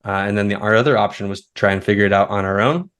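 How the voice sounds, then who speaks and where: Relaxed storytelling man in his thirties. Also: lowish voice, quick pace, smooth. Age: 30s. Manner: relaxed, storytelling, now and then laughing. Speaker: guest, foraging expert. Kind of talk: conversational interview.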